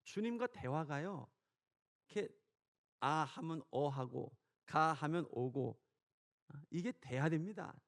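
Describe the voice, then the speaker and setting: Male pastor, high voice with gravel, sermon delivery that swings loud to soft. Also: animated, slow pace, long pauses. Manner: swings between loud preaching and soft storytelling.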